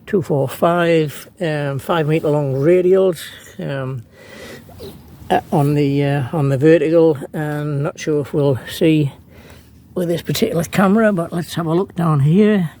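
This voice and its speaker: Warm and a bit high in pitch, a man speaks in an unhurried way as he narrates his unscripted how-to vlog. An amateur radio hobbyist, he works through a hands-on demonstration while hesitating and thinking out loud.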